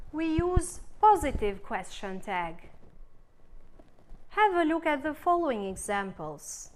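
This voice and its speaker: A woman with an Albanian accent teaches a recorded English grammar lesson. Her voice sits high and she takes her time, giving each rule and example sentence slowly and deliberately. She explains in a calm, measured way.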